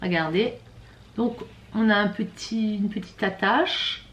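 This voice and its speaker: A woman's voice: mid-range voice, measured pace, fairly bright tone, reverberant, highs cut off, a little hiss or hum. A woman vlogger chatting casually through a beauty box unboxing, hesitant and full of fillers and restarts, with a slightly rattly voice. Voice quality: self-described rattly voice.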